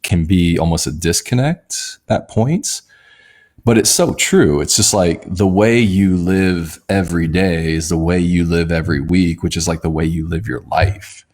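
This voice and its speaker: A man's voice: low voice, measured pace, a little mellow. A man in his forties co-hosting a casual live-stream chat with his wife, joking and reading out viewer comments. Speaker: co-host.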